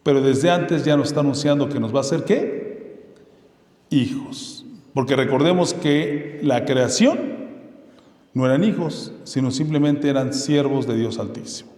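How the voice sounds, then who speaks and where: A male pastor preaching a sermon in a mid-pitched voice, asking his listeners questions and then answering them himself. His voice rings through a roomy hall with a long, trailing reverb. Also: unhurried, dark tone. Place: church hall.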